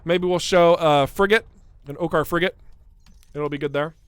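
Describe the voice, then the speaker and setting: A man's voice: on the high side, normal speed, smooth, no echo. A young man, a game developer, giving playful live-stream commentary while playing, chatting with viewers and laughing often.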